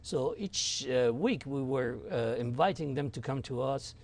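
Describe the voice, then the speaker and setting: A man from Argentina whose first language is French, a rabbi recounting his experiences at an unhurried pace as an interview guest. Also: medium pitch, gravelly. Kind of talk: reflective storytelling.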